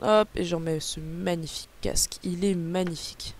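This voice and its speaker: A woman's voice: fairly low pitch, fairly even intonation, moderate pace, a little mellow, slight background noise. A young woman chatting casually on a live unboxing stream, rambling with lots of fillers and answering chat messages aloud. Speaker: livestreamer.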